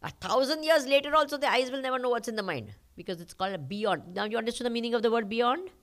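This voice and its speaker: Speaking quickly in a high-ish, animated voice, an Indian-accented woman teaches a spiritual discourse that includes questions and answers. She breaks ideas into steps, goes over them again, and makes sure listeners are keeping up.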